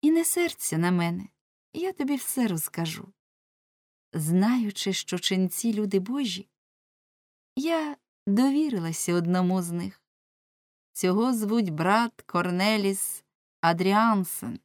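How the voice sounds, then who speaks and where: A repentant wife, tender and once a beauty, as a woman reading a storybook voices her. She pleads softly and earnestly. The sound is close and dry. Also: mid-range voice, expressive, slow, long pauses, no echo.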